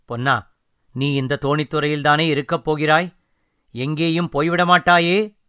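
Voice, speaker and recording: A man's voice: fairly high pitch, steady tone, measured pace, bright, forceful tone, clean tone, no room sound, studio quality. A man voicing an older emperor who gives firm, kindly orders to a boatman, in an audiobook reading. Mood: commanding.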